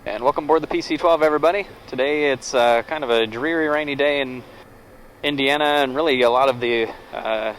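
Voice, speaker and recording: A man's voice: medium pitch, brisk, fairly bright tone, poor audio. A man narrating his cockpit work casually as a pilot, speaking over a pilot headset. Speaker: pilot and vlog host. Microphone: aviation headset. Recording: faint cockpit noise on headset audio. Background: aircraft cabin noise.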